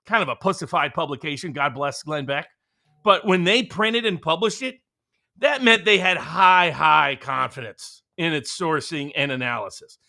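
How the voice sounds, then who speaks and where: A man's voice: on the high side, pushed and bright. A man co-hosting a political commentary show, talking emphatically and sarcastically. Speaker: co-host.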